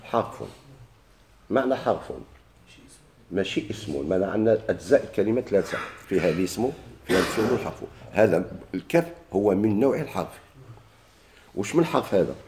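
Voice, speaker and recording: A Moroccan man explains a grammar text to his class in a lowish, mellow voice. He keeps asking questions and answering them himself, and he repeats the key words. A faint hum sits behind him. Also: lively intonation, a little fast, long pauses. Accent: Moroccan Arabic. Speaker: grammar teacher.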